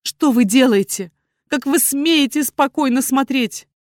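In a dry audiobook reading, a woman with a medium-pitched, darkish, natural voice speaks at a moderate pace. She voices a proud young woman who angrily defends her parents before a dragon lord, furious, indignant and raising her voice.

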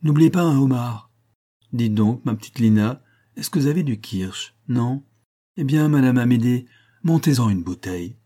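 A man's voice: mid-range voice, animated, moderate pace, mellow, natural voice. A man voicing a bossy, fussing older woman who gives orders in an audiobook. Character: Madame Jourdeuil, bossy older woman, gluttonous.

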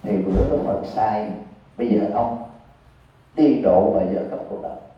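A Buddhist monk with a Southern Vietnamese accent, giving a sermon in a folksy, conversational storytelling manner. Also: male voice, on the low side, measured pace. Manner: folksy, conversational, acts out characters. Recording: echoey hall, far from mic, dull lo-fi.

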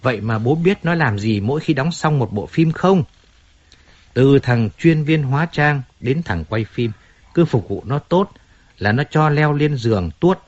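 A self-pitying fallen star moans about his ruined life, as a man reads him out. His voice sits a little higher and rougher, full of complaint. The storybook recording sounds slightly dull. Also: animated, a little slow. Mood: bitter ranting. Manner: complaining, pleading, resentful. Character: self-pitying washed-up male singer, whining, bitter.

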